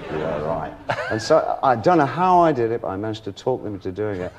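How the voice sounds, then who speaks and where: A middle-aged man talking as a guest on a television talk show, telling lively anecdotes, laughing often and acting out other people's voices. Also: lowish voice, fast, background noise. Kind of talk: casual anecdotal interview chat.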